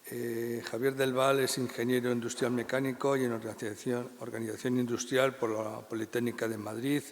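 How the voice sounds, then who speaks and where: Man moderating a panel. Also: medium pitch. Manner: hesitant, frequent "eh" fillers. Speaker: round table moderator. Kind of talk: moderating a panel, reading speaker bios. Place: university conference hall. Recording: long reverb in a lecture hall.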